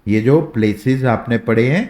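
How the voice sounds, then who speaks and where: A man teaching a shorthand class, slowly sounding out vowels. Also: medium pitch, darkish tone. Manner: slow, drawn-out demonstration of vowel sounds. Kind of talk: explanatory lesson. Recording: echoey room.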